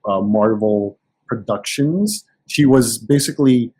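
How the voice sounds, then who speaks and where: A man in casual podcast chat, telling anecdotes with animated restarts. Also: mid-range voice, a little slow, husky, poor audio. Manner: storytelling, animated, many restarts. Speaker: podcast guest.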